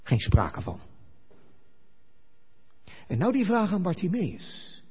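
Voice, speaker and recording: Male pastor, husky tone, lively sermon, dull recording with long church reverb. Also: sits high, slow pace. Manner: animated storytelling, acting out quoted dialogue. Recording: echoey hall, dull lo-fi sound.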